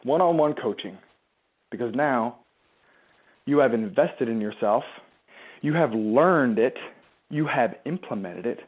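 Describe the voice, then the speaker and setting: Seated in a chair in a room at home, a business coach gives an emphatic, conversational motivational live talk to followers, firing rhetorical questions and mimicking their objections. His medium-pitched, slightly rough voice is animated, with a measured pace and frequent pauses. The line sounds tinny, like a phone.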